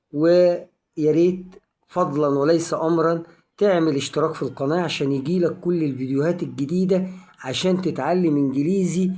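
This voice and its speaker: A man with an Egyptian Arabic accent giving an online pronunciation lesson, speaking directly to viewers and repeating English words slowly and carefully. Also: on the high side, a little mellow. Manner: friendly, addresses viewers directly. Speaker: English teacher.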